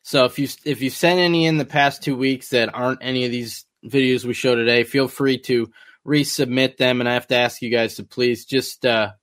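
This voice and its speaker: A man's voice: mid-range voice, steady tone, brisk, a bit bright. A man on a talk show plainly giving notes to viewers about submissions. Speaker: show producer. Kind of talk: casual announcement.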